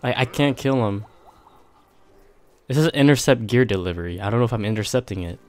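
A young man with a stuffy nose from being sick, quietly commenting on his own gameplay in slangy, casual talk under his breath. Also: medium pitch, a little fast. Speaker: gameplay streamer. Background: game music.

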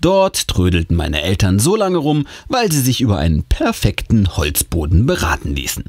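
A man reading a horror story aloud in an expressive, dramatic way. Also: lowish voice, moderate pace, no room sound, clean studio sound. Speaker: audiobook reader.

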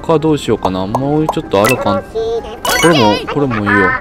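A man's voice: medium pitch, animated, fairly quick, over loud music. A young man giving casual gameplay commentary, chatting to himself and reading game lines aloud. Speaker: game streamer.

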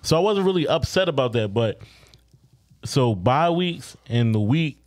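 A man co-hosting a casual podcast chat, laid-back and halting, swearing casually. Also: mid-range voice, animated, no room sound. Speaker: podcast co-host. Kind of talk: casual chat among friends.

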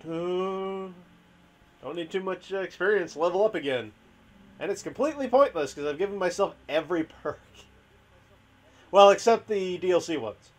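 A man's voice: sits high, animated, moderate pace. A middle-aged man giving casual, rambling live game commentary in a goofy manner. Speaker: let's play streamer. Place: indoor room, on webcam.

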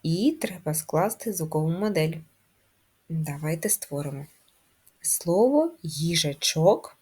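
A woman teaches first graders in a patient, sing-song classroom voice, asking the class questions and sounding out letters one at a time. Her voice sits a little low and has a soft, husky edge. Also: animated, slow pace. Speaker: primary school teacher. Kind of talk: slow, clear classroom instruction to young children.

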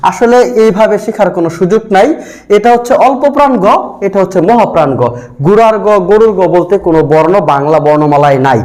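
A man with a high-pitched voice delivers a grammar lesson as a teacher. He works through the material methodically, saying each sound on its own before explaining it. He speaks close to the microphone. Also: darkish tone. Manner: methodical, repeats letters one by one while explaining.

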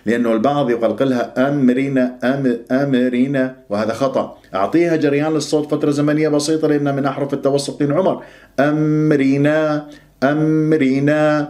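A man from Iraq teaching Quran recitation rules, stretching words out slowly to demonstrate their pronunciation. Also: medium pitch, a little mellow. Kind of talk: tajweed lesson with slow demonstrations.

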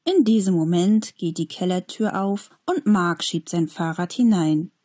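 A woman reading a children's story aloud, calm and expressive. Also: lowish voice, measured pace, slightly rough.

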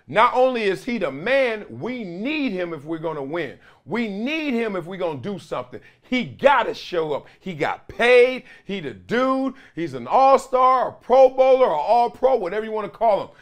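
A middle-aged man hosting sports commentary, telling stories and acting out quotes with big gestures in a small studio. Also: high voice. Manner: storytelling, acts out quotes, gestures broadly.

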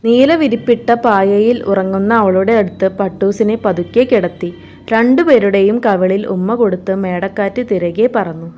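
A woman teacher reading a children's story aloud expressively and then explaining it with gentle questions. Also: mid-range voice, normal speed, slight background noise.

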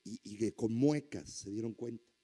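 A male pastor preaching a sermon through a lively story, with exclamations and sound effects. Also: on the low side, normal speed.

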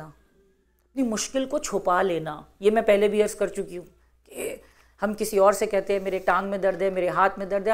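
A middle-aged woman giving an earnest religious talk to a women's gathering, exhorting and repeating phrases for emphasis. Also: on the high side.

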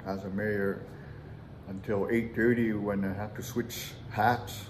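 A man's voice: fairly low pitch, level tone, slow. A man in his forties from Nunavut with an Inuit accent, answering interview questions conversationally. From Arviat, Nunavut, Canada. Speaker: mayor and interviewee. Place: indoor council chamber. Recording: roomy echo, background noise.

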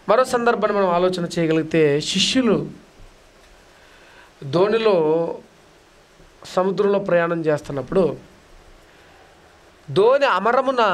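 A man preaching a dramatic sermon, asking rhetorical questions and swinging between loud declaiming and soft asides. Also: high-pitched. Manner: dramatic, acts out voices of beggars and crowds, rhetorical questions.

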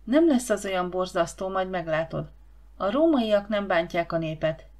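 A woman voicing a gentle, cautious woman servant who talks in a soothing, hushing way. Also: mid-range voice, animated, lightly acted.

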